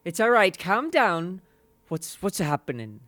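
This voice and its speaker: A man's voice: high-pitched, very animated, a little slow, fairly bright tone, dry recording. A man playing a tabletop game, joking and role-playing casually in a playful, mock-serious way.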